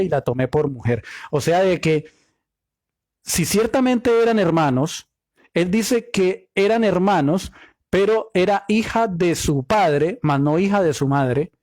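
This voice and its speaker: A man's voice: a little high, a little mellow, dry recording, clean studio sound. A man teaching a Bible study, reading scripture aloud and explaining the Hebrew meaning of words, often asking rhetorical questions.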